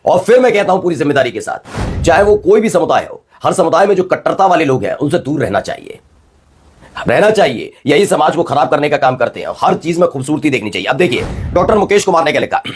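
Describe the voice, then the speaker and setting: A man delivers political news commentary at a rapid clip, his voice a touch husky and pitched a little high. He keeps turning to the viewer with rhetorical prompts. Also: big pitch swings. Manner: fast, rhetorical, addressing viewers directly.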